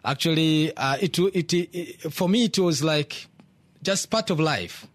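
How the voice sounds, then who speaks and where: Halting male guest. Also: a little high, dry recording. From Tanzania. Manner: halting, many fillers and restarts. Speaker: interview guest. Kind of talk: hesitant conversational English.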